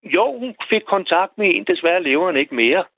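A man calling in to a radio show, telling a personal story in a halting way, repeating words as he goes. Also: sits high, expressive, gravelly, no room sound. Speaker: radio caller. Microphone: telephone. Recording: tinny phone line, dry.

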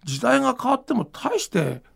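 A podcast host who also creates manga explains things casually, thinking aloud in an informal, animated way. His voice is high and quite creaky, his pitch roams freely, and he speaks at normal speed.

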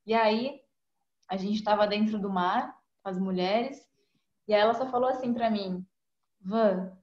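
A woman's voice: medium pitch, unhurried, highs cut off. Woman in a roomy recording. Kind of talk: casual chat among friends.

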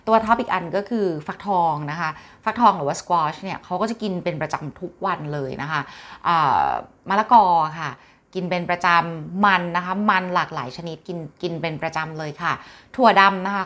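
A woman's voice: on the low side, fairly bright tone. A woman hosting a casual health talk, chatting to viewers in a friendly explanatory way and referring to herself by her nickname.

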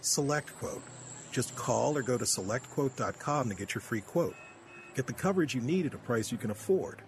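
A man's voice: mid-range voice, animated, normal speed, a little hiss or hum. A man reading a scripted insurance commercial as an announcer.

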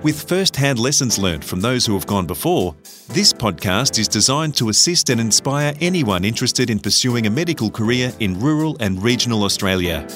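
A man reading a scripted intro voice-over for a podcast in an even, formal announcing manner. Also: medium pitch, normal speed, soft background music.

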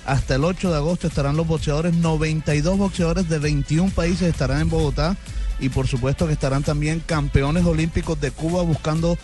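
A man's voice: fairly high pitch, fairly even intonation, a little fast, a little mellow, faint music behind. A man delivering a sports news report on the radio.

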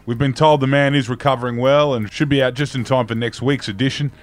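A man with a Queensland accent co-hosting satirical news in a deadpan, colloquial, blokey way. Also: mid-range voice, quick pace. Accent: Queensland Australian. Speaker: co-host of satirical news show. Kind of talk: deadpan mock-news banter.

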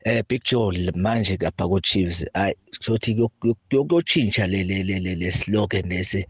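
Husky, very low-voiced South African man. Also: moderate pace, no room sound. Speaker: radio call-in listener. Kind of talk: casual sports opinion on a phone-in. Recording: dull lo-fi call audio.

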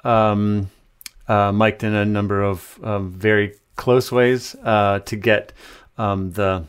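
A man's voice: lowish voice, little pitch movement, takes it slowly, clean tone. A man, a composer guest, explaining his work on a remote interview call, thoughtful and full of hesitant fillers. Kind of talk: conversational interview answers.

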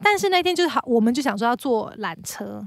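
A woman co-hosting a chat podcast, telling a story in an animated way and acting out the quotes. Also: fairly high pitch, fast talker, vocal fry, dry recording, clean studio sound. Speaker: podcast co-host. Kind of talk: casual chat.

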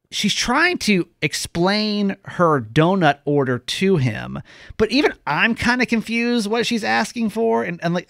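Male co-host, casual chat, high-ish voice, dry studio sound. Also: creaky, dry recording. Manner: animated storytelling with acted quotes. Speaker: podcast co-host.

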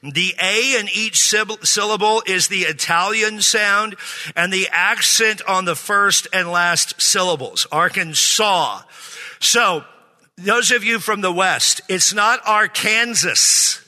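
A man's voice: sits high, a little slow, sharp tone. A middle-aged male pastor preaching a sermon, joking with the congregation and calling for amens, recorded live in a church sanctuary. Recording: preaching in a reverberant hall.

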